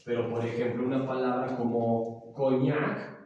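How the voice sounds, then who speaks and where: A man with a Mexican accent lecturing a class as a teacher, explaining slowly and often checking that the students follow. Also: mid-range voice, fairly even intonation, a little mellow, lo-fi sound, slight background noise. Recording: echoey classroom from far off.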